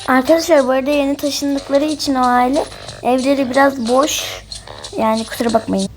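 A woman narrating a doll play in a chatty, excited way, speaking directly to viewers. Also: high-pitched, brisk, a little hiss or hum. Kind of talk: casual chat to viewers.

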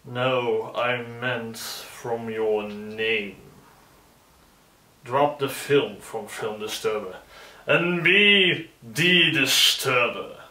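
Man doing a slow, pompous demon lord, bright tense voice, roomy echo; sketch villain. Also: medium pitch, heavily acted. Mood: commanding. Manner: pompous, dramatic proclamations. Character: grandiose theatrical male demon, ex-puppet.

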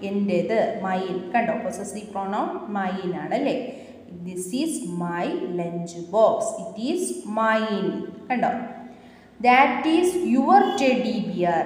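A woman teacher, drilling young children through an English vocabulary and grammar lesson, reading English phrases slowly. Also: mid-range voice, animated, very echoey, big-room sound, poor audio. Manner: slow, sing-song drilling of words, English phrases read very slowly.

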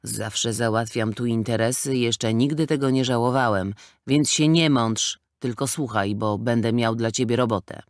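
A man's voice: medium pitch, moderate pace, few pauses, no echo, clean studio sound, close to an everyday voice. A man voicing a fat, sly, scornful middle-aged gangster in a storybook reading, sneering and threatening.

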